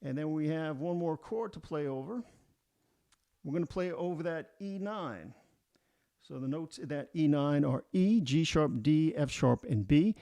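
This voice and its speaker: A middle-aged man teaching a music lesson in a relaxed way, often checking in with "all right?". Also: on the high side, a little slow, vocal fry.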